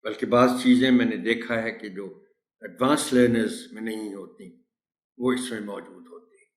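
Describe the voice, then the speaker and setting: A man giving a pronunciation lesson to teachers, speaking slowly and deliberately and repeating example words with careful stress. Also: lowish voice, fairly even intonation. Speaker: teacher trainer. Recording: roomy echo.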